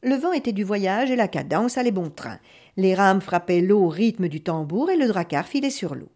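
Woman storyteller, expressive, animated pitch, dramatic read-aloud. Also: moderate pace. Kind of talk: storybook reading.

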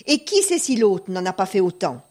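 A woman voicing a greedy, bullying male farmer who shouts and threatens. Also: mid-range voice, brisk, close to an everyday voice. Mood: angry. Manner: shouting, scolding.

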